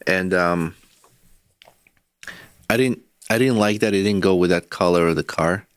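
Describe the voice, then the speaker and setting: A man's voice: deep voice, unhurried, clean tone, dry recording. A man co-hosting a casual podcast, telling a long story with profanity and frequent laughs. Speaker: podcast co-host.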